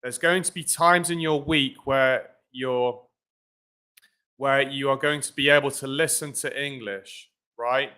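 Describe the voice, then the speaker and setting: A man's voice: medium pitch, steady tone, measured pace, pushed and bright, smooth. A man teaching English pronunciation in a live-streamed lesson, talking informally and often checking in with "right?" and "guys" between fillers.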